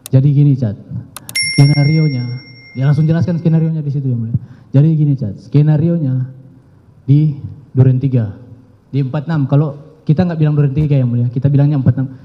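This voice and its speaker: A man giving halting, repetitive testimony as a trial witness, often addressing the judge. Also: medium pitch, steady tone. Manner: halting, repeats himself, keeps addressing the judge. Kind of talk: courtroom testimony. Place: courtroom. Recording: dull audio with long courtroom reverb.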